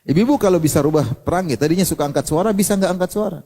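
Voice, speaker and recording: Mellow-voiced preacher, playful. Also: male voice, a little high, racing. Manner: humorous, fires rhetorical questions at the audience. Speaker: Islamic preacher. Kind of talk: sermon.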